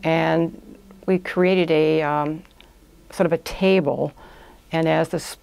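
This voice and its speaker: Speaking slowly in a low, gravelly voice that is smooth and a little mellow, an older woman of about 60 to 70-something keeps her intonation fairly even. She is a guest and language institute owner, giving conversational, explanatory answers step by step in a small indoor podcast studio. No room sound is audible.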